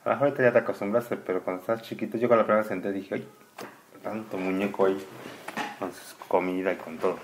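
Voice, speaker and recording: A man's voice: on the low side, a little hiss or hum. A man homeschooling his child, patiently explaining a scripture story and asking questions. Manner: patient, asks the child questions, reads passages slowly and louder.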